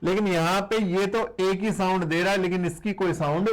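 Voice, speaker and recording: A man's voice: high-pitched, fairly even intonation, fairly quick, rough recording. A man teaching a grammar lesson to beginners, patiently repeating each rule and asking the class rhetorical questions.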